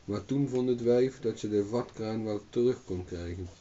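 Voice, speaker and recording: A man reading a fairy tale aloud as a storyteller, in calm steady narration, on a dull distant recording. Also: lowish voice, normal speed, slight background noise.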